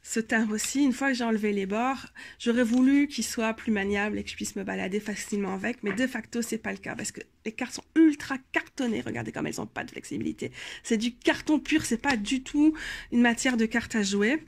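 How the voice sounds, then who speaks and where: A woman's voice: on the high side, fairly quick, vocal fry, a little hiss or hum. A young woman with a Belgian French accent, tired, chatting casually in a rambling show-and-tell about her tarot decks, full of fillers and self-corrections. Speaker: tarot vlogger.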